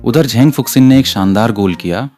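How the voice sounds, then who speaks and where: A man's voice: medium pitch, brisk, warm tone, soft background music. A man narrating a romantic comic recap in the first person, telling the story steadily and reading the quoted lines with only a light touch.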